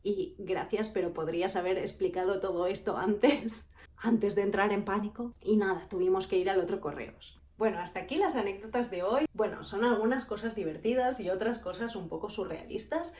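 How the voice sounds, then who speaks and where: A woman tells her everyday anecdotes straight to the camera. Her voice sits at a middling pitch, and she talks in a lively, expressive way. She likes to act out the people in her stories. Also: normal speed. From Spain. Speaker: vlogger. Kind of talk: storytelling anecdotes.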